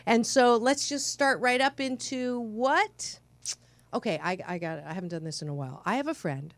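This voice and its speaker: A woman's voice: a little high, normal speed. A middle-aged woman hosting a talk show in a bubbly, effusive way, with frequent laughter. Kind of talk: casual interview chat.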